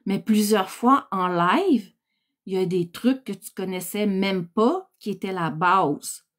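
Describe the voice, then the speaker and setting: A Quebec French woman in her forties delivers a heated livestream rant, blunt and exasperated, with the odd curse thrown in. Her voice sits at an ordinary middle pitch. She speaks slowly and deliberately, letting each reproach sink in. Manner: scolding, blunt, exasperated, swears. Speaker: livestream host.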